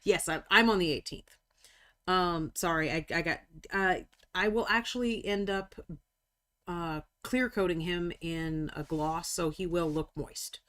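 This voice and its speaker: A talkative woman in her forties chats casually while painting miniatures on a live stream, joking about herself and apologizing quickly. Her voice is lowish and a bit bright.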